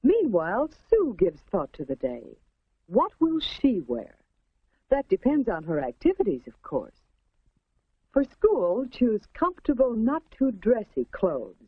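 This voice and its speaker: An American woman narrates in the manner of a 1950s educational film, prim and instructive. Her pitch moves in a lively way over carefully enunciated phrases. The sound is a dry, slightly muffled vintage film soundtrack. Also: unhurried, slightly rough, dry recording.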